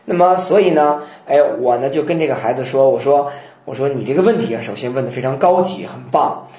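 A man teaching the chanting of classical poetry, explaining in a lively lecture and breaking into slow chanted verse. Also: mid-range voice. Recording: roomy echo.

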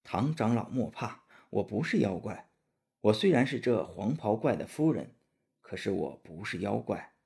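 A man voicing a gentle captive princess who speaks softly and earnestly, in a storybook reading. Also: fairly low pitch, expressive, normal speed, breathy edge. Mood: reassuring. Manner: soft, pleading, earnest.

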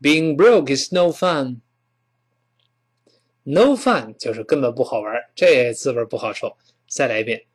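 Lively-voiced man teaching phrases. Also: mid-range voice, husky. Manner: explains patiently, models English phrases slowly and repeats them. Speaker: English teacher. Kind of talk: spoken English lesson.

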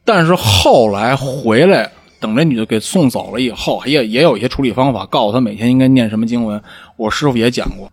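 A man with a Beijing accent telling stories in a casual chat, animated and acting out the shouts of the people in them. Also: mid-range voice, a little fast, husky. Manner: animated storyteller, acts out shouts. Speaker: podcast host, former lama.

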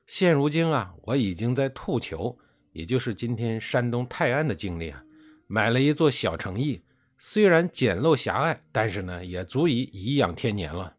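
A male storyteller voicing an honest, mild-mannered ruler who speaks in a calm, earnest, measured way. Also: mid-range voice, dry recording.

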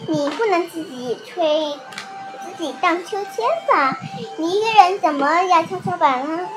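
A patient mother bear explains things calmly and slowly, as a woman reads her part. The voice stays high, with music playing softly under the storybook. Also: poor audio. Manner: calm, gentle explaining.

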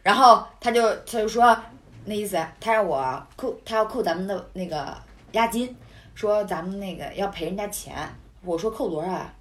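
A woman chatting casually, telling a story with animated, indignant outbursts. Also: medium pitch, moderate pace. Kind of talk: casual chat.

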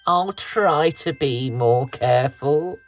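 A man voicing a young boy who keeps losing his toys and shouts for his mum in a high voice. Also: slow. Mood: calling out. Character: little boy Tommy, frantic about lost toys.

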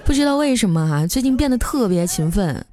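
A young woman hosts a podcast of comic storytelling, recounting funny everyday stories playfully and laughing while acting out her family members' voices. Her warm, medium-pitched voice swings widely in pitch and moves a little fast over a music bed.

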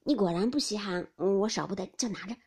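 A woman's voice: mid-range voice, brisk, a little mellow, slightly rough. A woman voicing a spirited noble teenage boy who talks eagerly and cheerfully.

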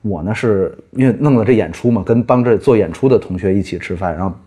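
A man's voice: lowish voice, fast, dark tone. A man co-hosting a podcast, recalling old shows in an eager, self-deprecating casual chat. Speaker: podcast co-host.

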